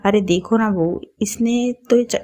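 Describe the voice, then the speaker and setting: Brief: a doting, quick-tempered grandmother over 60 in a storybook tale, voiced by a woman, fond scolding tone, normal pitch. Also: mellow, close to an everyday voice. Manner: scolding, exclaiming "अरे बहू".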